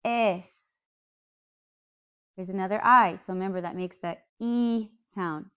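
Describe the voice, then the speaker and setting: A woman teaching a slow pronunciation lesson, sounding out each word carefully and repeating it. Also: mid-range voice, clean tone. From United States. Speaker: Spanish teacher. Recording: slightly dull, lo-fi sound.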